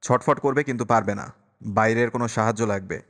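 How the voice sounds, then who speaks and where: A man's voice: on the low side, brisk, fairly bright tone, close to an everyday voice. A man voicing a grave, protective young uncle who speaks earnestly and firmly. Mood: gentle teasing. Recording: long reverberant echo.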